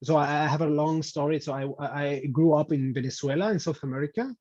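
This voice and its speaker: A man's voice: fairly high pitch, fast, darkish tone, no echo, lo-fi sound. A man from Spain, a guest on an interview show, speaking casually with many restarts and fillers. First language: Spanish. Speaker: podcast guest.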